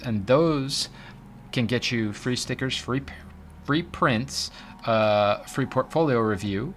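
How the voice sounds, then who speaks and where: Bright-voiced chatty man hosting a stream. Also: mid-range voice, slight background noise. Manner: chatty, joking, drops into silly voices. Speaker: livestream host. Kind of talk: casual livestream chat.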